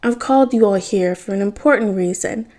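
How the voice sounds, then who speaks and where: A woman's voice: medium pitch, brisk, darkish tone, lightly acted. A woman reading fan fiction aloud, voicing a cigar-smoking male crime boss who calls a meeting. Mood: commanding.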